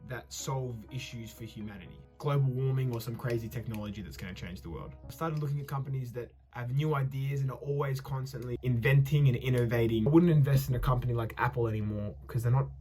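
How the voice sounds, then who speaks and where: A man's voice: medium pitch, quick pace, darkish tone, faint music behind. A young adult man, talking through his investments in a loose, chatty vlog, often correcting himself mid-sentence. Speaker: investing vlogger. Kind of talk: casual vlog monologue.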